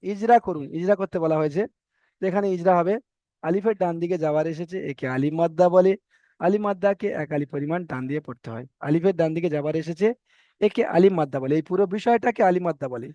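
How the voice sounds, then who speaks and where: A man's voice: on the high side, fast talker, warm tone, no echo. A man teaching Quran reading in an online class, patiently repeating rules and correcting his students. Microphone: video call. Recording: dull dry online call audio.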